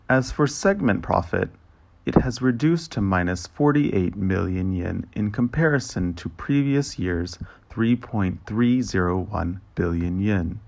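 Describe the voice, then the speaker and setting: A man giving a translation voice-over as interpreter, with a steady, formal reading of a financial results briefing. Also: fairly low pitch, vocal fry.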